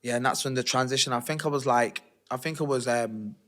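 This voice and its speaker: A man, an interview guest telling his life story in a candid, animated, slangy way. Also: mid-range voice, brisk. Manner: streetwise, animated, slangy retelling with acted-out quotes.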